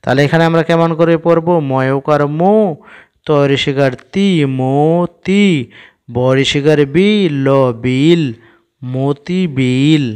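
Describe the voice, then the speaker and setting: A man teaching children to read, patiently spelling each word syllable by syllable before saying it slowly. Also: fairly high pitch, smooth. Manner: patient, asks the listener questions. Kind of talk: reading lesson for children.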